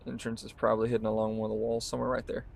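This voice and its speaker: Male streamer, gravelly mid-pitched voice, easygoing live gameplay commentary, faint hiss on the line. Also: racing. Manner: relaxed, talks through each move while playing.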